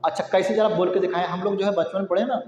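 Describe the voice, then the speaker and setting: A man's voice: high-pitched, steady tone, very fast, a little mellow, highs cut off. A male teacher giving a patient grammar lesson, asking and answering his own questions and sounding out syllables to show the difference. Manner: repetitive, explanatory, asks and answers own questions; demonstrates sounds aloud. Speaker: Hindi teacher. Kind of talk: classroom-style grammar lesson. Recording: echoey room with long reverb.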